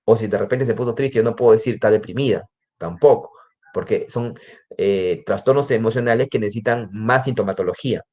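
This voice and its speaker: A man's voice: on the low side, brisk, a little mellow. A man with a Peruvian Spanish accent, a forensic psychologist giving a lecture, explaining step by step and often adding "¿no?" tags and restarting his sentences. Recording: slightly dull lo-fi recording.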